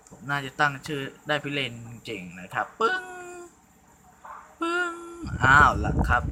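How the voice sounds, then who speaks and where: A man giving excitable gameplay commentary with frequent exclamations, as host of a gaming channel. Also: fairly high pitch, noisy background.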